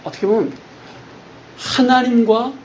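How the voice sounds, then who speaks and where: A middle-aged male pastor preaching a sermon in an animated way, often asking the congregation rhetorical questions. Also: extremely high pitch, unhurried, a little hiss or hum, low-quality recording.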